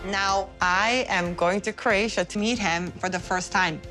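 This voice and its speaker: A woman's voice: medium pitch, fairly even intonation, a little slow, over loud music. A woman in her thirties from Bosnia, telling her dating story candidly in a confessional interview, with frequent giggles. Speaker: reality show cast member.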